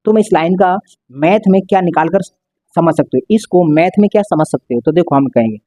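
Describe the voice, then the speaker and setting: A man's voice: fairly high pitch, fairly quick, mellow, no echo, studio quality. A male maths teacher explaining a lesson step by step, repeating and stretching out key words.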